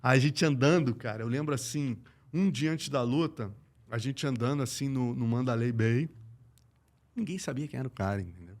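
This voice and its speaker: A man from Brazil, an MMA journalist, telling stories in a lively, slangy way on a casual podcast. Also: mid-range voice, moderate pace. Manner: animated, slangy, acts out quoted voices.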